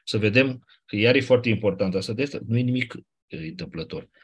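A man with a low, husky voice is teaching a class. He explains things step by step in a conversational way and throws in quick asides to his students. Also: lively intonation. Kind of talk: classroom lecture.

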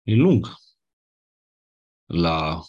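Husky low-voiced male language teacher. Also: big pitch swings, a little mellow, dull audio. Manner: explanatory, asks 'nu?' and 'da?' to check understanding. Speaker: Ancient Greek teacher. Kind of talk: lecture.

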